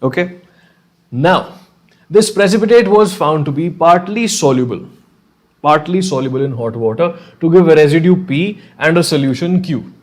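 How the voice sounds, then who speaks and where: Speaking at normal speed in a slightly high, animated voice, this North Indian-accented man runs a live online class in a conversational style. He drops Hindi phrases into his English and frequently asks quick check-in questions.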